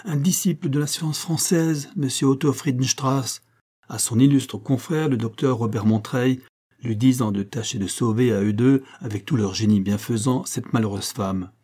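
A man's voice: medium pitch, warm tone, pitched above the performer's own voice, close to an everyday voice. A man reading the part of a proud, indignant Japanese baron in an audiobook, in a declaiming, oratorical manner.

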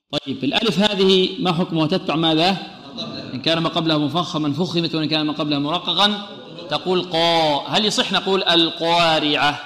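A man's voice: on the high side, a bit bright. Man teaching recitation in an echoey room. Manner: asks questions and answers them himself, drills sounds slowly. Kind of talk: tajweed lesson with recited examples.

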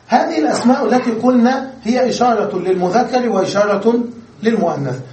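A man's voice: extremely high pitch, a little mellow, a little hiss or hum. A man teaching Arabic grammar in a classroom lecture, explaining step by step and checking that students follow. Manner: explains step by step, checks understanding with quick questions. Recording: echoey room from a distance.

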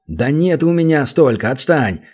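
A man's voice: a little high, animated, moderate pace, darkish tone, husky. A man voicing a sly, mocking male demon hero who drawls dry, teasing remarks, in an audiobook.

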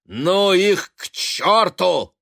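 A man voicing a scornful young man who mocks and shouts at his mother with contempt. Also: lowish voice, slow pace, dry recording, studio quality. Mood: sneering. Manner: mocking and contemptuous, often shouting.

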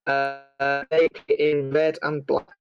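A man's voice: fairly high pitch, monotone, takes it slowly, lo-fi sound, faint music behind. A man co-hosting a podcast over an online call, chiming in casually and agreeably. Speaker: podcast co-host. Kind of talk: casual chat.

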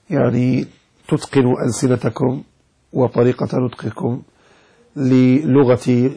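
A man's voice: fairly high pitch, vocal fry, darkish tone, husky, rough recording. A man teaching a religious lesson, explaining a legal text and demonstrating how words should be pronounced, with a Moroccan Arabic accent. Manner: explanatory, demonstrates pronunciations, addresses listeners directly. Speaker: sheikh teaching Maliki jurisprudence.

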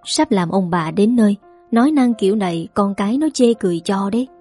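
Woman voicing a gentle elderly mother-in-law. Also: mid-range voice, expressive, brisk, husky, faint music behind. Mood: soothing. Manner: soothing, coaxing.

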